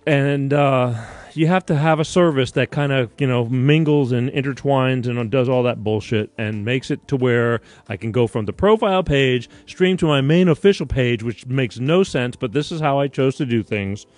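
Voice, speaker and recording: A man's voice: mid-range voice, moderate pace, hardly any pauses, darkish tone, no room sound. A man from Connecticut hosting a live-streamed talk show, rambling from one point to the next with casual swearing. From Connecticut, USA. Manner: rambling, digressive, with frequent restarts and casual swearing.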